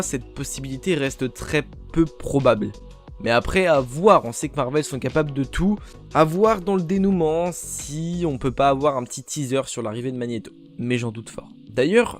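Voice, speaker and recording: Higher-voiced man narrating an explainer. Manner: speaks directly to viewers. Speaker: video creator.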